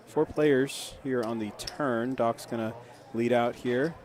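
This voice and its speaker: A man commentates a poker game on a live stream. He is low-key and a little hesitant, giving the action in short, clipped phrases with a mid-range, conversational voice. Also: steady tone, slow pace, darkish tone.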